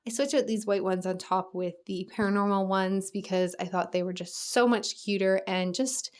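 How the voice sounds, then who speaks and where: Casual young woman host, cheerful game-build voice-over, mid pitch, slightly tired voice. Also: fairly even intonation, moderate pace, clean tone. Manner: chatty, upbeat, frequent small laughs. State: slightly losing her voice.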